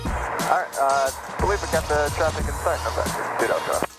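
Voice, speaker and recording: A male pilot talks on air traffic control radio in clipped readbacks. He rattles the words out fast, with music clearly audible behind him. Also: fairly high pitch.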